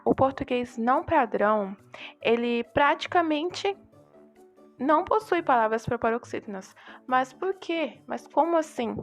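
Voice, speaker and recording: Young woman, student presentation, explanatory, slightly high voice, soft music behind. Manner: explanatory, asks rhetorical questions. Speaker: student presenting a group assignment. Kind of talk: class presentation.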